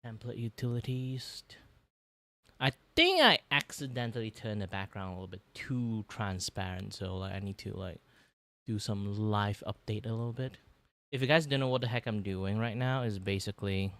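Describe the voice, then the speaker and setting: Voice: mid-range voice, animated, moderate pace, fairly bright tone. A streamer chatting casually as host of a livestream, rambling and muttering to themself while working.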